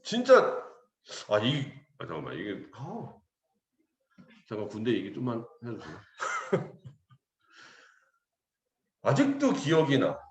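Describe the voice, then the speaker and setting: A man in his forties, an English teacher, casually telling a story to his students in an animated, joking way and acting out the voices he quotes. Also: medium pitch, slow pace, pauses often, echoey room.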